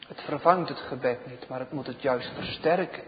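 A man preaching a sermon, slow and emphatic, his voice swelling loud and then dropping to a hush. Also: medium pitch, slight background noise. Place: church. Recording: dull reverberant church recording.

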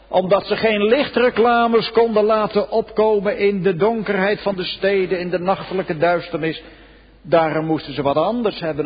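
A man preaching a solemn sermon, swinging between loud exclamations and hushed, low passages. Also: husky. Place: church. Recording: dull lo-fi recording in a reverberant church.

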